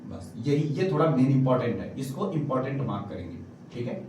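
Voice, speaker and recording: A man's voice: medium pitch, lively intonation, fairly quick, mellow. A man teaching a maths lesson to a class, coaxing students to read the questions aloud and checking their answers. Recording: echoey room from far off, faint noise.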